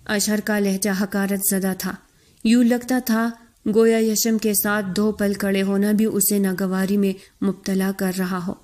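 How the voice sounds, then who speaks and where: A woman narrating a romance novel in a steady, expressive reading. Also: mid-range voice.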